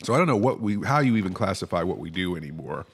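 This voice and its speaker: A man's voice: deep voice, sing-song, fast talker, husky. A man hosting a comedy podcast, chatting casually and rambling, often stammering and restarting his sentences. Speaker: podcast host.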